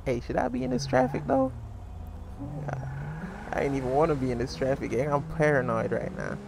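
With a gravelly mid-range voice and big pitch swings, a gaming YouTuber talks fairly quickly through a crime role-play series. He's casual and laid-back, full of slang, and addresses viewers as gang; the background is noisy.

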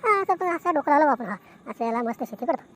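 Speaking fast in a high, somewhat bright voice with lively intonation, a woman plays a chatty village braggart for an amateur cartoon comedy. Her rural Maharashtrian accent, emphasis, and repetition give it an animated feel, though background noise is noticeable.

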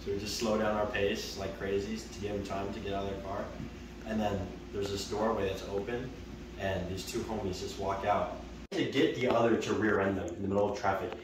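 Low-voiced young man in an echoey room. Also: a little fast. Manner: relaxed, recounting events. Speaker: missionary companion. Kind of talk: casual storytelling. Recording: distant, echoey, noisy phone audio.

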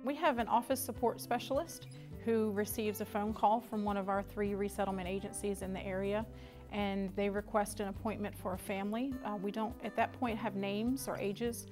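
A woman's voice: medium pitch, fairly even intonation, moderate pace, music in the background. A woman from the health department explaining procedures in a matter-of-fact interview.

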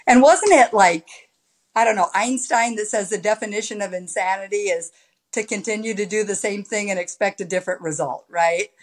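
A woman in her sixties, a podcast guest, telling her story in a lively, animated way over a video call from a room at home. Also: mid-range voice, brisk. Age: 60s. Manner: animated storyteller with big hand gestures. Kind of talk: casual interview chat. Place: home room with high ceiling. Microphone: laptop webcam on a video call.

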